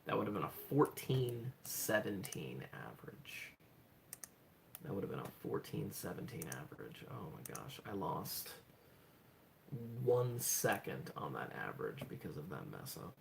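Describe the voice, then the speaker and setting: A man livestreaming from home, chatting excitedly to himself as he goes, with lots of "hold on" and "oh my gosh". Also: low-pitched, measured pace, vocal fry, a little hiss or hum. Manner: excitable, thinks aloud, repeats "hold on" and "oh my gosh". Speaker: livestreaming speedcuber. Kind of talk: casual livestream self-talk.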